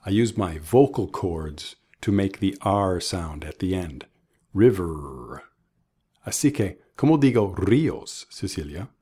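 A man teaching English pronunciation in a bilingual lesson, modeling each word slowly and contrasting wrong and right versions. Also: deep voice, expressive, warm tone, breathy edge. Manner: slow, deliberate, models words by contrast. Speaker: language teacher.

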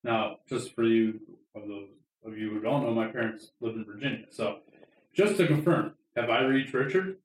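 A man hosting a podcast in casual, jokey chat, animated and swearing a lot. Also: medium pitch, normal speed. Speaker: podcast host. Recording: roomy echo.

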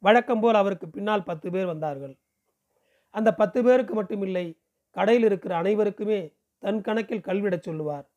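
A man from Pondicherry reading a novel aloud in a steady storytelling delivery. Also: high voice, brisk. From Pondicherry, India. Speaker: audiobook reader.

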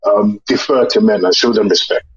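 A man's voice: on the low side, fairly quick, slightly rough. A man posing a question in a casual group discussion, heard through a dull lo-fi recording.

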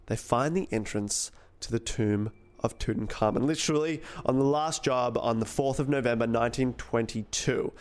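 A man's voice: medium pitch, moderate pace, hardly any pauses, smooth. A man, co-hosting a podcast and casually retelling a history story, acting out quotes along the way. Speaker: podcast co-host.

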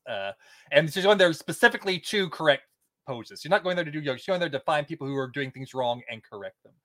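Lively-pitched podcast co-host. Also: dry recording. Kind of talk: casual TV recap chat.

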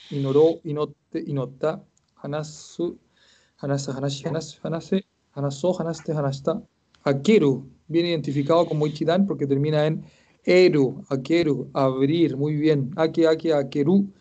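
A man's voice: a little high, warm tone, highs cut off. Methodical Chilean man teaching a class. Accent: Chilean Spanish. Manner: methodical, reciting verb forms aloud, self-mocking humor. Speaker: Japanese language teacher. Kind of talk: live-streamed class, correcting homework.

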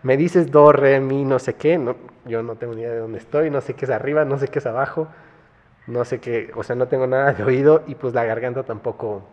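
A man's voice: medium pitch, brisk, a little mellow. A man hosting a casual chat, chatty, laughing, and acting out conversations he tells about. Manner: chatty, laughing, acts out exchanges with his teacher. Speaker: host. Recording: dull sound with long reverb.

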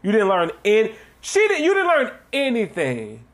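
A man's voice: high voice, huge pitch swings, normal speed. A man co-hosting a podcast in casual chat, swearing freely and mimicking people in exaggerated tones. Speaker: podcast co-host.

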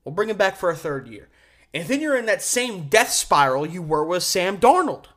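On his solo sports podcast, a man airs strong opinions with emphatic delivery at a normal pace. He stretches important words for stress, and his pitch swings through a very lively range.

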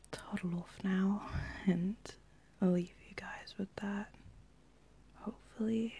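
A woman's voice: medium pitch, mellow, slightly rough. A young woman, talking casually in a whispered ASMR voice, rambling with lots of fillers. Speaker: channel host.

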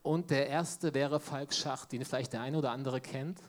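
A man's voice: mid-range voice, steady tone, moderate pace. A man co-hosting a casual podcast, making dry, mocking remarks about rappers and their videos. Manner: dry, mocking, quotes lyrics in a put-on voice. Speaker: podcast co-host.

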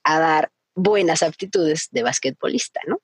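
A woman's voice: deep voice, normal speed, slightly rough, dry recording, studio quality. A young Mexican woman co-hosting a chatty podcast, telling a story and acting out other people's voices. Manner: animated, acts out her dad's shouting, many fillers. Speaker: podcast co-host. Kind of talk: casual storytelling chat.

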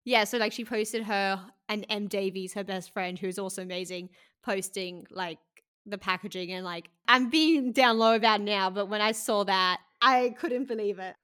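A woman's voice: mid-range voice, moderate pace, clear, resonant tone. A young woman, a podcast guest gushing through stories in a casual chat full of "like" fillers. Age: young adult. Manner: excitable, gushing storyteller with many "like" fillers.

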